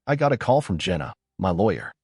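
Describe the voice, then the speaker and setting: A man narrating a first-person story in a calm, measured, scripted way. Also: lowish voice, slightly rough, no echo, clean studio sound.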